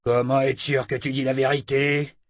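Narrator putting on a big gruff brute, suspicious, growly, mid pitch, dry. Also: male voice, measured pace, a bit bright, no echo, natural voice. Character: burly suspicious male thug, gruff. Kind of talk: audiobook character reading.

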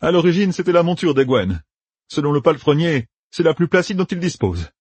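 Man voicing an eager young rider, out of breath, much higher, husky. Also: very animated, fairly quick, a little mellow, dry recording. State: a bit out of breath.

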